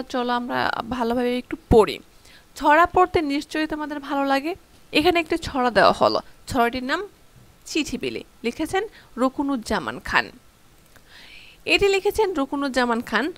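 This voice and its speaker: A woman's voice: sits high, fairly bright tone. A young woman from Bangladesh teaching a school lesson, explaining step by step with frequent fillers and restarts. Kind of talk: online class lesson.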